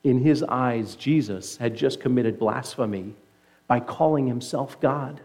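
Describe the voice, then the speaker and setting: A man preaching a sermon, retelling scripture as vivid story and letting his voice sink low and soft to stress key points. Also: unhurried. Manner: earnest preaching that drops low and soft for emphasis. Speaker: pastor.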